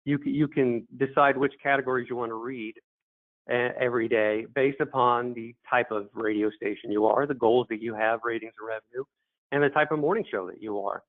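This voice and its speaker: A man's voice: mid-range voice, steady tone, a little fast. Easygoing man on a tinny line. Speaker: radio programmer and webinar co-host. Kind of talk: casual webinar presentation. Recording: tinny phone-like audio.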